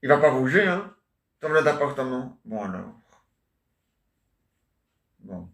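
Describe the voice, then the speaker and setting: A man's voice: medium pitch, big pitch swings, measured pace, vocal fry, a bit bright. A man talking in a meandering, joking monologue, full of little asides and fillers. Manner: meandering, jokey, filler-heavy. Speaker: vlogger. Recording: echoey room.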